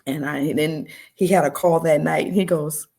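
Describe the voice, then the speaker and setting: A middle-aged woman, a podcast guest, telling her testimony in an animated way and acting out the dialogue. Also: sits low, moderate pace, gravelly. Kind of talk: storytelling testimony.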